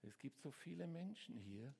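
A man preaching a sermon as a pastor, swinging between hushed words and sudden shouts to his congregation. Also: mid-range voice, expressive, normal speed, vocal fry, slightly rough, big-room sound. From Switzerland.

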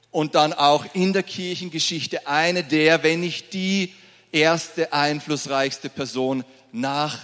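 Male preacher, lively sermon, fairly high voice; long hall reverb. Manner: lively, laughs often, acts out scenes. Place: church hall.

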